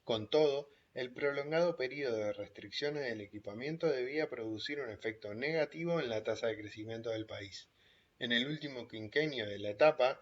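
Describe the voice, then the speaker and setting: Guy reading a textbook chapter out loud, steady and measured, mid pitch, kinda dull lo-fi sound. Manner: steady, measured reading that pauses to reread a phrase. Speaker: reader of an economics text. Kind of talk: reading a book chapter aloud. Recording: dull lo-fi recording.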